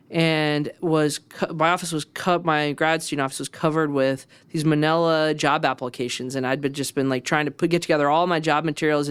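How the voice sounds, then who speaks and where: A middle-aged woman, a philosophy professor, telling stories in a lively, casual way as a podcast guest. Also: deep voice, clear, resonant tone, no room sound. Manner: animated, lively storytelling with restarts. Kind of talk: casual storytelling interview.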